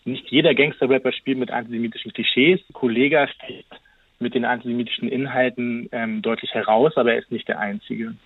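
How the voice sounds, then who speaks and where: A man interviewed on the radio as a researcher, answering in a measured way with frequent hesitations. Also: mid-range voice, steady tone, slightly rough, no room sound. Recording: telephone line.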